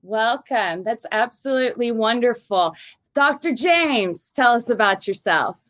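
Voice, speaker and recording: A woman's voice: a little high, lively intonation, measured pace, fairly bright tone, dry recording. Upbeat woman hosting an interview. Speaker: recruiter, interview host.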